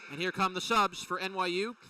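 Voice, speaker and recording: A man calling a college women's basketball game play by play, with rapid, excited calls of each play. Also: sits high. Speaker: play-by-play announcer. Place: college gym. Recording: distant mic with faint gym noise.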